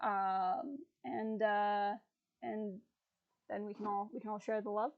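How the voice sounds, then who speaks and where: A woman's voice: medium pitch, fairly even intonation, takes it slowly, gravelly, phone-quality sound. A woman hosting a casual livestream chat, talking loosely with lots of fillers and laughing easily. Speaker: livestream host.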